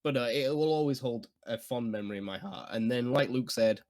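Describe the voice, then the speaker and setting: A man, chatting casually and nostalgically on a podcast, laughing often and filling pauses with ums. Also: mid-range voice, darkish tone. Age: 20s. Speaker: podcast co-host. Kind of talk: casual chat.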